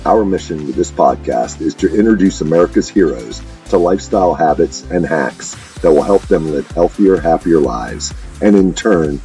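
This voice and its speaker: Very deep, mellow man announcing. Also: expressive. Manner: smooth, measured announcer delivery. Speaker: show announcer. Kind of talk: scripted intro and disclaimer. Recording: faint music underneath.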